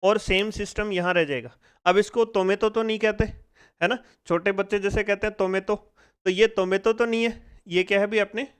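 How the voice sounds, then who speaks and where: An Indian man with a high, smooth, somewhat bright voice teaches a phonics class at a moderate pace, taking each sound apart step by step and repeating his questions to the students again and again.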